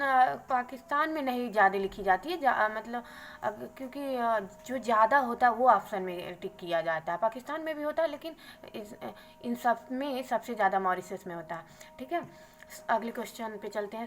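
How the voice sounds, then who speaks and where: A woman teacher going briskly through exam questions and their answers, adding a quick "okay" after each answer. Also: on the high side, expressive, fairly bright tone, poor audio. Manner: brisk, adds "theek hai" after answers.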